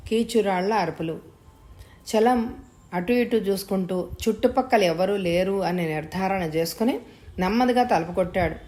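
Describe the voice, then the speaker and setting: Woman narrator, mellow tone, audiobook reading. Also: mid-range voice. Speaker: story narrator.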